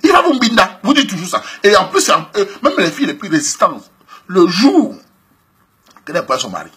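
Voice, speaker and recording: A male host with a Cameroonian French accent gives animated advice about a listener's letter, full of slang and laughter. His voice is strongly husky and raspy, sits fairly high, and jumps around a lot in pitch. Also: fairly quick. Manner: lively, slangy, laughs often, swings from shouting to low asides.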